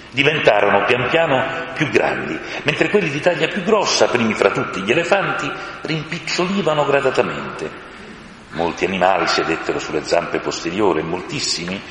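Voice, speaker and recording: Deep-voiced man reading a storybook. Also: slight background noise. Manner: expressive, varied storytelling. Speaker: narrator. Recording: echoey room with long reverb.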